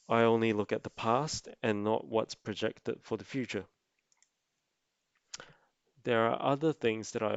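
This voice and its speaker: A man narrating an explanatory tutorial as an amateur presenter, speaking haltingly in short phrases. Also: on the low side, creaky, dry recording, highs cut off. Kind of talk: explanatory investing tutorial voice-over.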